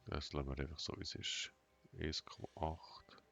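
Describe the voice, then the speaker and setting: Very deep, monotone man. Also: normal speed, creaky. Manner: flat, monotone, emotionless delivery; hesitant, thinking aloud in short fragments. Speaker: gaming tutorial host. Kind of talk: unscripted game walkthrough commentary. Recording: dull lo-fi sound, music behind.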